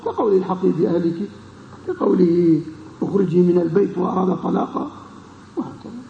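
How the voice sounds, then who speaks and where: An Islamic scholar teaches a classical legal text to students, pausing often to ask checking questions and make sure they follow. His voice is high-pitched and creaky, heard on a dull lo-fi recording in an echoey room with a little hiss or hum.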